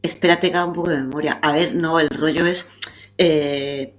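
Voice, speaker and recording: A woman on a casual podcast panel, speaking haltingly as she searches for words. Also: deep voice, fairly even intonation.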